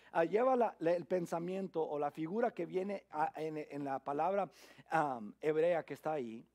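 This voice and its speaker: High-voiced man preaching a sermon. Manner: dramatic swings from loud emphasis to hushed near-whisper; frequent restarts and repeated words. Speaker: pastor.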